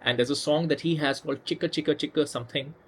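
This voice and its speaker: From India, a music channel host runs a casual storytelling video, chatting conversationally with restarts and emphatic asides. He talks quickly in a fairly high, steady voice, and there's a little hiss or hum.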